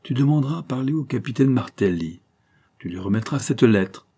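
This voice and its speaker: A man's voice: medium pitch, animated, brisk, mellow, breathy edge, pitched above the performer's own voice. A man reading aloud and voicing a scheming, ruthless female adventurer with commanding, triumphant speech and hissed asides. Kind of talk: audiobook character reading.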